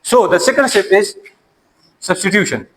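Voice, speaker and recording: A man's voice: high voice, animated, normal speed, fairly bright tone, low-quality recording. A man, an Urdu speaker, teaching a classroom lecture and often repeating and restarting his words.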